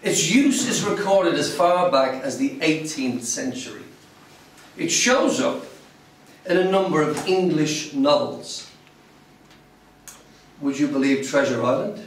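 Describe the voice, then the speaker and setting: A man's voice: on the high side, expressive, slow pace, long pauses. A man giving a prepared speech to a club audience, theatrical, wry and emphatic. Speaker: club public speaker. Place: club meeting room. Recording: very echoey room, voice from far off.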